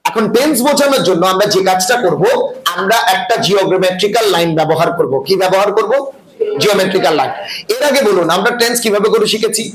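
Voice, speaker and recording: A man's voice: high voice, animated, quick pace, a crowd in the background. A man teaching an English class, lecturing and often asking students whether they follow. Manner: asks the class frequent check-in questions. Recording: echoey room with class noise.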